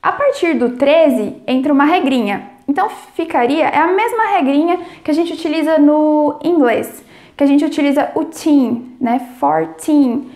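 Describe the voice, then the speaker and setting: High-voiced woman teaching German pronunciation. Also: darkish tone, reverberant. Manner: slows down to model pronunciation. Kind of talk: language lesson.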